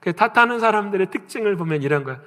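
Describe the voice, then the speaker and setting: A man preaching a Sunday sermon as a pastor, moving between raised, emphatic lines and hushed, whispered asides. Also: high-pitched, expressive, rapid-fire. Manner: dramatic swings between loud acted quotes and hushed whispers. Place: church sanctuary. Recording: long church hall reverb.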